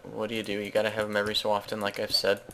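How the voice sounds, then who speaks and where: Gaming host, male, lowish gravelly voice, loose self-correcting chatter over gameplay, faint keyboard clatter behind. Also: completely flat delivery, rapid-fire, a bit bright, slight background noise. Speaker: Let's Play host. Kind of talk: casual gameplay commentary.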